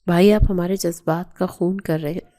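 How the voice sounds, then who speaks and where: A woman's voice: lowish voice, steady tone, dark tone, lightly acted. Woman reading a bitter, resentful widow.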